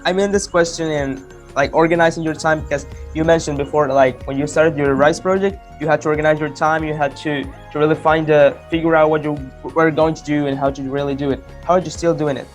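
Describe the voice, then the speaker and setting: A man's voice: fairly high pitch, fairly even intonation, brisk, faint music behind. A male podcast host asking long, rambling, stacked questions in a casual interview.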